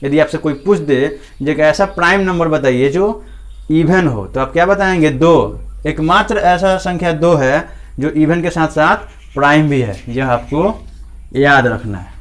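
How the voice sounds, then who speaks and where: A man leads a maths lesson in a fairly high voice. He asks his class questions and then answers them himself, and he goes back over key points again and again. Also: a little slow. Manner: repeats key points often. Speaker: teacher.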